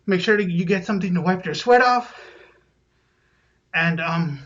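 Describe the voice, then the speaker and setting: A man's voice: sits high, lively intonation, moderate pace, a bit bright. A man co-hosting a casual school live stream, speaking hesitantly with many ums. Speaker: co-host. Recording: dull, muffled sound.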